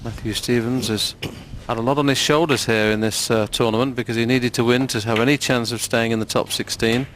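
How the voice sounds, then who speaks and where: A man giving hushed, measured and analytical live snooker commentary. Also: mid-range voice, steady tone, a little hiss or hum. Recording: audience and clicking sounds behind. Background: snooker hall audience, clicks.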